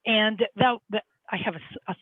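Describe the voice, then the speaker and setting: A middle-aged woman from Peru with a thick Peruvian Spanish accent, speaking as a lighting designer and telling her career story in an earnest, halting way. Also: mid-range voice, no room sound. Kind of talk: panel talk on career journey. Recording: tinny phone-like audio, dry.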